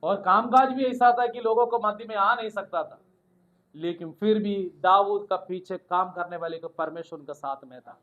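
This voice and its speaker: A man with a very high voice preaches a sermon. He calls out questions to the congregation and rises into loud hallelujahs. The sound is dull and lo-fi. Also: normal speed. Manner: call-and-response preaching, rising to shouts of hallelujah. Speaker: pastor.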